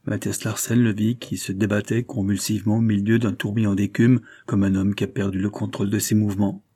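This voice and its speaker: A man narrating an adventure novel in a steady, measured storytelling voice. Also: lowish voice, slightly rough. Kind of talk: scripted audiobook narration.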